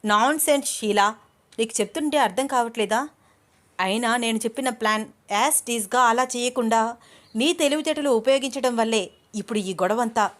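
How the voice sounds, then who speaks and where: A woman voicing a jealous, hot-tempered young woman who scolds and shouts in a raised voice. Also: fairly high pitch, normal speed, voice pushed up, close to an everyday voice. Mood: angry.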